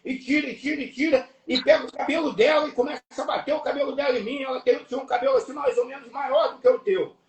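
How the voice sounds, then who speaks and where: A man's voice: very high-pitched, fairly even intonation, fast talker, hardly any pauses. Man, Brazilian Portuguese accent, preacher, emphatic and repetitive, echoing room. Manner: emphatic, repetitive, bursts into shouts. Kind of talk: impassioned sermon testimony. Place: church or live stream hall. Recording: echoey room, voice from far off.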